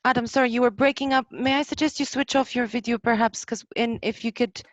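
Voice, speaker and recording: Woman, video call audio, dull and dry, fairly high voice, polite brisk moderator. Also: steady tone, no echo. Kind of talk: moderating an online panel. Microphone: computer mic on a video call.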